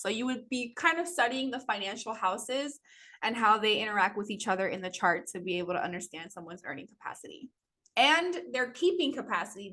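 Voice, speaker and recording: A woman's voice: fairly high pitch, fairly bright tone. A woman teaching a casual class, chatty and loose, full of "like" and "um" and frequent little laughs. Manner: chatty, peppered with "like" and "um", laughs often. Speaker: astrology teacher.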